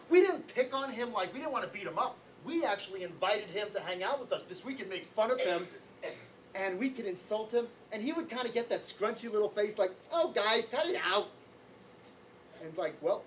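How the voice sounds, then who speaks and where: A middle-aged man, an anti-bullying educator, telling a personal story to schoolchildren in an animated, conversational way. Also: high-pitched, fairly quick. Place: classroom or school hall. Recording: distant mic, faint room noise.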